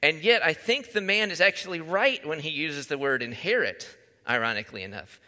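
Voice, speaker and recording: Male pastor, conversational sermon delivery, crisp bright tone, reverberant hall sound. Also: fairly high pitch, expressive, brisk. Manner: conversational, asks the listeners questions.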